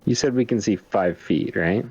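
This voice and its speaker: A man talks casually as a player in a tabletop game, deliberate and thinking aloud. His voice is very deep, and the recording is muffled and lo-fi. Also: a little mellow, husky.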